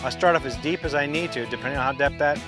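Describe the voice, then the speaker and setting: Talking at a quick pace in a medium-pitched voice, the middle-aged man offers hands-on fishing advice from a boat on a lake. He walks through each step with frequent restarts, while a guitar music bed runs under his outdoor lesson.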